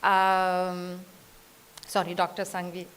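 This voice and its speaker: A woman's voice: lowish voice, monotone, a bit bright. A woman with an Indian accent and a very sore throat gives an informal, hesitant thank-you speech. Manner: hesitant, halting delivery with self-corrections. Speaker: guest speaker and singer. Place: auditorium at a convention. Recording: hissy, noisy live auditorium PA.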